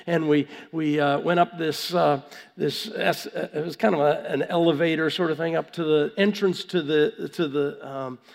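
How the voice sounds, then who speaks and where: Guy preaching w/ a cold, gravelly voice, stop-and-start conversational sermon, long echo of a hall. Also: fairly high pitch, steady tone. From Vancouver, Canada. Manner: halting, with repeated words and pauses for emphasis. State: has a cold.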